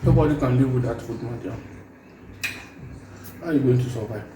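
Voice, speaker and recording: A man's voice: mid-range voice, brisk. A man with a Nigerian accent co-hosting a casual mukbang, chatting over a meal. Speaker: mukbang co-host. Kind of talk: casual mukbang eating chat. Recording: echoey room, distant mic, very noisy.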